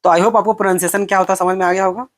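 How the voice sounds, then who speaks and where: A man's voice: high-pitched, flat delivery, very fast. Chatty male teacher explaining exam topics. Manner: conversational, poses rhetorical questions and answers them; mixes English terms into Hindi explanations. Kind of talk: exam-prep lecture.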